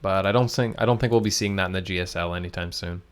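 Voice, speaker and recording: A man doing lively, joking commentary on a strategy game match. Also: deep voice, fast, a little hiss or hum. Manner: excitable, joking. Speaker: caster. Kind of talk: esports commentary.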